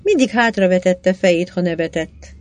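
A woman narrating a novel in an even, measured storytelling manner. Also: on the low side. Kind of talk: audiobook reading of a novel.

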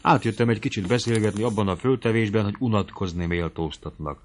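A smooth, ingratiating young gentleman, always courteous, read by a man with a low voice. He is a figure in an audiobook of a classic novel and charms everyone he speaks to. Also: lightly acted. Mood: polite.

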